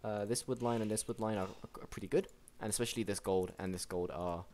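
A young man casually commentating a strategy game match, chatty and excitable, with frequent restarts. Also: lowish voice, a little fast. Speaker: game caster.

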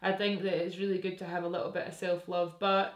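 A young Scottish woman with a broad accent chats candidly and informally in a casual makeup vlog, speaking fast with a lowish voice and flat delivery. She's a beauty YouTuber filming indoors in a small room against a curtain backdrop.

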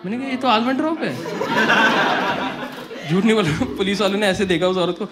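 A young man telling a comic school story on stage, animated and acting out the voices of friends and teachers. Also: high-pitched, a little fast, over a noisy crowd. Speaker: stand-up comedian. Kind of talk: stand-up storytelling.

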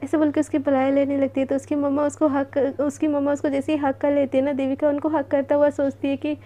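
A woman's voice: high voice, monotone, fairly quick, dark tone. A woman storyteller narrating a love story in a chatty, conversational way.

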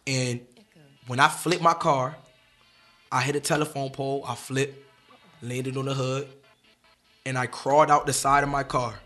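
Animated young rapper telling a story. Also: male voice, medium pitch, normal speed, pauses often, soft background music. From Connecticut. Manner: animated, emphatic retelling with slang. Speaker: rapper and interview guest. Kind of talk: casual storytelling interview.

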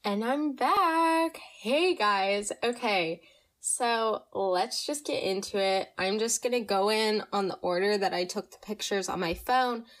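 A young woman hosts a casual storytime podcast, chatting in an animated way and reading listener stories aloud. Her medium-pitched voice is slightly nasal from allergies, and she speaks at a measured pace.

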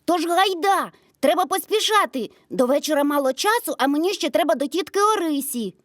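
An eager, brave little boy from a children's story, with a high, bouncy voice, as a woman plays him. He talks with lively rises and falls over quiet background music. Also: fairly quick, no room sound. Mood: eager earnest. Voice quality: bright, eager.

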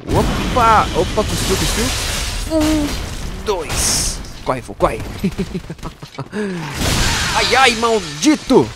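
A gaming YouTuber delivers playful, jokey let's-play commentary, chatting to his viewers and bursting out excitedly during fights. His voice is a little high, and there's background noise.

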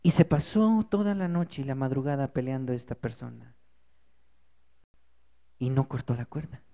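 A man pastor telling a story in a sermon, dramatic, swinging from loud to hushed. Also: medium pitch, moderate pace, gravelly. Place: church worship service. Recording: long reverb in a church.

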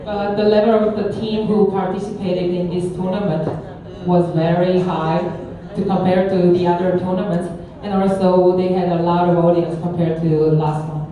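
A woman's voice: on the low side, little pitch movement, drawn-out words, mellow. A woman working as a consecutive interpreter, speaking hesitantly and correcting herself as she goes. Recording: very echoey hall, distant microphone.

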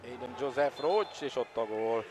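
A man giving excitable live water polo commentary, openly behind the home side. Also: medium pitch, slight background noise, poor audio. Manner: excitable, partisan home-side commentary, swelling at attacks and goals. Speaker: sports commentator.

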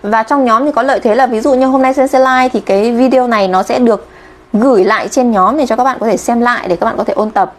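A fairly high-voiced woman from Vietnam leads a live-streamed Japanese kanji lesson. She talks in a chatty, friendly way and keeps checking in with her viewers. She sounds like a teacher speaking straight to her online class. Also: fast talker.

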